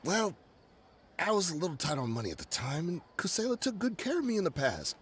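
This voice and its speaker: A shifty smuggler, wildly swooping pitch. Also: male voice, very animated, heavy background noise. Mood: nervous, bargaining. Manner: fast-talking, pleading, slangy. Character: shifty, nervous male ex-mercenary smuggler, wheedling and evasive. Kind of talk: scripted video game dialogue.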